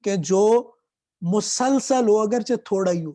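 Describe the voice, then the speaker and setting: A man teaching Quran letter pronunciation in a patient lesson style, stretching out the throat sounds slowly as he demonstrates them. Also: sits high, dark tone.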